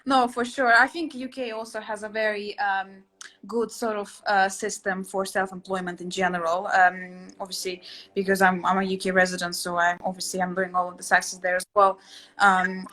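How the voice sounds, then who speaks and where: A woman's voice: mid-range voice, little pitch movement, moderate pace, bright, forceful tone. Young woman from Latvia chatting on a video call. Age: 20s. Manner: chatty, hesitant, many fillers and restarts. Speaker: host, interior sketching teacher. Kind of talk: casual video-call chat. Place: small room at home, indoors. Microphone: laptop webcam on a video call.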